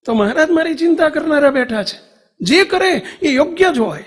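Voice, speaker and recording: A man's voice: extremely high pitch, animated, normal speed, long reverb tail. A man preaching a sermon, telling a story with acted family dialogue and asking the listeners to raise their hands. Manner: addresses listeners as devotees, asks for raised hands.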